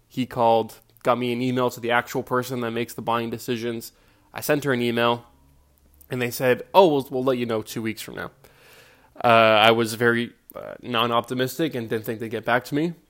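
Self-deprecating young man hosting a podcast. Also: medium pitch. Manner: self-deprecating, rambling with fillers. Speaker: podcast host. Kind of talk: casual solo podcast talk.

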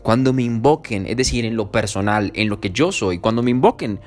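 An earnest male preacher delivers a sermon in a mid-range voice. He lifts his pitch to voice imagined pleas and scripture. Soft music plays faintly beneath him. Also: fairly quick. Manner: earnest, rises in pitch for emphasis and quoted pleas.

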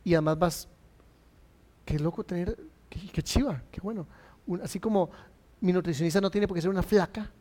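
A man's voice: high voice, a little fast, pauses often, mellow. A man hosting a casual interview, chatty, often restarting his sentences.

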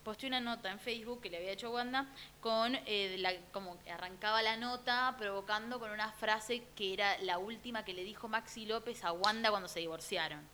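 A young woman with a Rioplatense Spanish accent, co-hosting a podcast in casual, playful chat full of quick asides. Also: mid-range voice, sharp tone. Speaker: podcast co-host. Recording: faint hiss.

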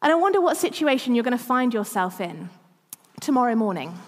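A woman's voice: fairly high pitch, very animated, fairly quick, in a large hall. A woman in her thirties preaching a sermon, chatty and self-deprecating, often laughing at herself. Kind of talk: sermon with personal stories.

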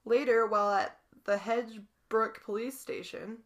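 A woman's voice: a little high, steady tone, measured pace. A young woman co-hosting a podcast, reading a board game story aloud with giggles and playful asides. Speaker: podcast co-host.

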